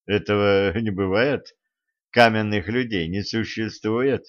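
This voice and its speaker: A man's voice: lowish voice, a little slow, lightly acted. A man voicing a stubborn male sorcerer who protests in disbelief and exasperation. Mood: incredulous. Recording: dull lo-fi recording.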